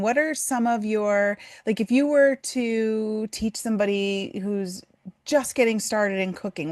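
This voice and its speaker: A woman from Pennsylvania with a flat, nasal voice, hosting a casual interview and asking questions in a chatty way. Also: mid-range voice, dry recording, studio quality. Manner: chatty, laughing easily, asks questions. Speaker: podcast host.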